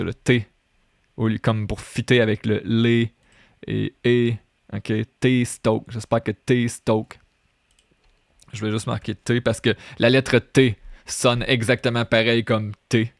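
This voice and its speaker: A man's voice: mid-range voice, no room sound, clean studio sound. A man with a Québécois French accent, explaining his own rap lyrics line by line, repeating phrases and slipping into English. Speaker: French teacher and rapper.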